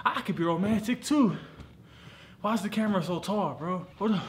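A man's voice: sits high, lively intonation, moderate pace. A man in his twenties chatting casually to camera, drunk and getting drunker, rambling loosely in slang. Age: 20s. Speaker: video creator. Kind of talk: casual vlog chat. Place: living room at home, later phone clips.

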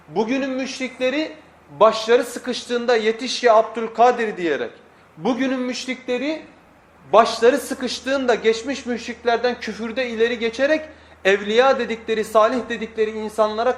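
Male preacher, high-pitched voice, emphatic and instructive sermon delivery, recorded in a reverberant room. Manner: emphatic, didactic, rhetorical questions to the congregation. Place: echoing indoor room, speaking from a pulpit. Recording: echoey room.

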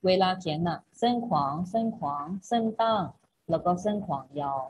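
In a muffled, slightly noisy recording, a woman with a lowish, expressive voice runs an online class at a fairly brisk clip. She patiently repeats every instruction, finishing each phrase with a polite particle.

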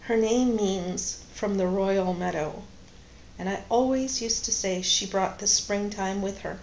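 A woman's voice: medium pitch, unhurried, a little hiss or hum, lightly acted. A woman reading a novel aloud, voicing a restrained, grieving woman character in an echoey, slightly dull recording. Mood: restrained, sorrowful. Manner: quiet, restrained, tearful at times. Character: grieving, composed woman in her thirties. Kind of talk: audiobook-style read-aloud dialogue.

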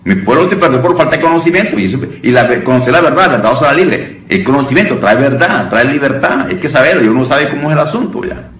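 Talking fast and expressively with barely a pause, this mid-range, fairly bright male voice belongs to a deliverance minister teaching in a casual preaching style. He keeps addressing his hearers as "brother" and restarting phrases, and the distant mic picks up a roomy sound with faint noise.

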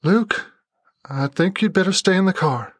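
Brief: man putting on a fierce young woman, sharp and commanding, raised pitch, dry sound. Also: animated, unhurried, breathy edge, dry recording, heavily acted. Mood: firm.

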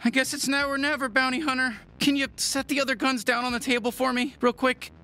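A man's voice: very high voice, flat delivery, a little fast, sharp tone, exaggerated voice. An actor voicing an anxious young alien talking gun in a video game, stammering and rambling as he talks. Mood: nervous.

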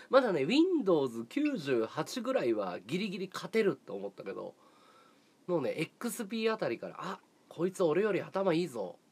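A man hosting a livestream, chatting casually with viewers in a relaxed way, often chuckling and thinking aloud. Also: on the high side, normal speed, breathy edge. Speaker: livestream host.

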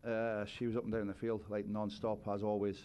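Measured head coach at a press table. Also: male voice, fairly low pitch, monotone, dark tone, clear, resonant tone. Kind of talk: postgame press conference answers. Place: press conference room, seated at a table. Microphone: table microphone on a stand.

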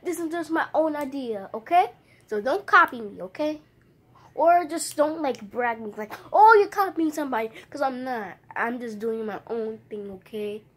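A woman's voice: on the high side, moderate pace, a bit bright. A female video maker chatting casually to her viewers and playing out a scene with toys, rambling and repeating herself. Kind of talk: casual chat to camera, toy play.

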